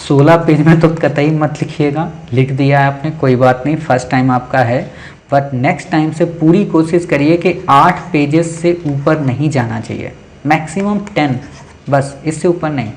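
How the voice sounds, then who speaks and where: A man's voice: fairly high pitch, normal speed. A male teacher reads a student's essay aloud in a lesson, stopping often to correct words and checking in with short "okay?" tags. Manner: tag questions like "okay?".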